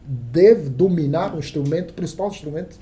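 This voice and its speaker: Speaking Angolan Portuguese as a guest on a casual podcast interview, this Angolan journalist, whose mother tongue is Kissolongo, fills his talk with fillers, restarts and emphatic turns. His dark-toned voice sits a little high and sounds animated and brisk.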